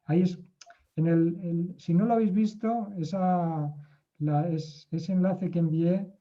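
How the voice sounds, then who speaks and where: Man, slightly high voice, hesitant with fillers, muffled video-call sound, group discussion. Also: fairly even intonation, a little slow, dark tone. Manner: hesitant, many fillers and restarts. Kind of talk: casual discussion.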